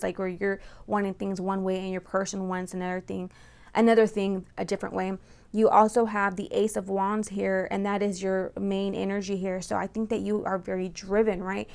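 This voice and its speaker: Woman, creaky voice, medium pitch, informal tarot reader, chatty, frequent check-ins with the listener, close mic. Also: darkish tone. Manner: informal, chatty, often checking in with "right?" and "you know". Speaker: tarot reader and channel host. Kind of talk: casual tarot card reading to viewers. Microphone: close microphone.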